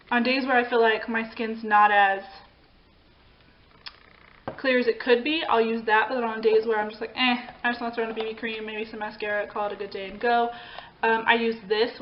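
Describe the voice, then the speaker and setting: A young woman chatting casually through a makeup tutorial, rambling with frequent ums and restarts. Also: on the high side. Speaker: beauty vlogger. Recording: slightly dull home recording with faint background hiss.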